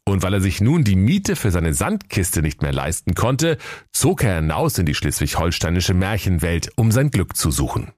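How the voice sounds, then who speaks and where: A man's voice: low-pitched, moderate pace, dry recording, clean studio sound. A man with a northern German accent narrating a comic fairy tale in a playful way. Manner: playful, animated. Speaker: storyteller.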